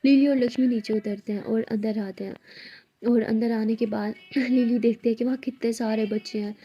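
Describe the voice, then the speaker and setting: A woman narrating a romantic story in a plain, even storytelling style. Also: on the high side, normal speed, slightly rough, highs cut off.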